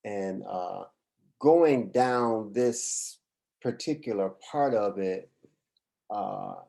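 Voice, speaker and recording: A man with a low, mellow voice leads a class discussion at a very slow, deliberate pace. He answers others with short acknowledgments before setting out his question. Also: animated, vocal fry. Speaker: discussion leader.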